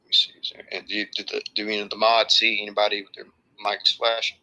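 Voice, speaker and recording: A man moderating a casual live audio chat, briskly organizing who speaks next. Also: lowish voice, monotone, sharp tone, rough recording. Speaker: room moderator.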